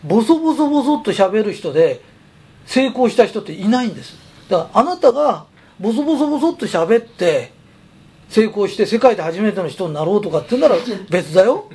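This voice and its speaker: A man's voice: sits high, sing-song, brisk, dark tone, slightly rough. A man who runs a company, giving a chatty, emphatic motivational talk. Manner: chatty, emphatic, persuasive storytelling. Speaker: company president.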